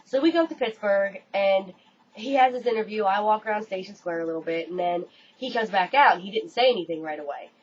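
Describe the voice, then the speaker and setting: A young American woman telling a story to her webcam in an animated, casual way, swearing freely. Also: mid-range voice, a little fast. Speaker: vlogger. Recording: dull lo-fi webcam audio, faint room noise.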